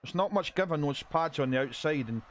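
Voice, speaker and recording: Man, wrestling game commentator, high voice, excitable, restarts sentences. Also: fairly quick. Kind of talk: play-by-play video game commentary.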